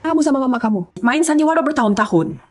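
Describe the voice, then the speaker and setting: A woman's voice: high voice, lively intonation, rapid-fire, darkish tone. A woman voicing a betrayed wife who speaks coldly and cuttingly in a dubbed drama. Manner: cold, cutting. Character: betrayed wife, cold and resolute. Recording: background hiss.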